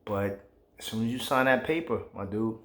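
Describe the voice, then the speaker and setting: A man's voice: lowish voice, moderate pace, echoey room, slight background noise. A man vlogging, giving his opinions in a casual, emphatic, rambling way with plenty of slang.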